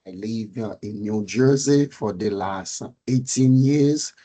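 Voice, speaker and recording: A middle-aged man from Haiti with a Creole and French accent, giving a technical presentation on a call, halting with many fillers, just getting over a cold. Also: fairly low pitch, warm tone. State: recovering from a fever and cold. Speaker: meetup speaker, data architect.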